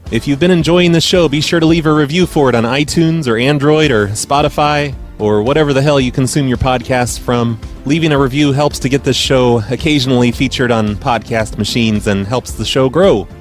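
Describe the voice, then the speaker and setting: A man speaking casually as a prank caller and podcast host, with a mock-earnest, deadpan delivery. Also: mid-range voice, fairly quick, hardly any pauses, soft background music.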